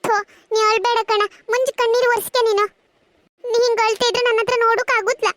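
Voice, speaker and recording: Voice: extremely high pitch, little pitch movement, fast talker, a bit bright, dry recording. A performer voicing a chatty, teasing cartoon schoolboy who coaxes his friend with questions. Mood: coaxing. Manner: chatty, coaxing, keeps asking questions. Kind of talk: cartoon voice acting.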